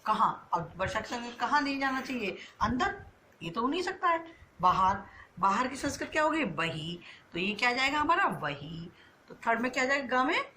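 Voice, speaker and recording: A woman teaching a school class, her voice bright and clear. She poses a question and answers it herself, slowly drawing out each key word. A faint hiss sits under the recording. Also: on the high side. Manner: asks questions and answers them herself, drawn-out words. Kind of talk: online class lesson.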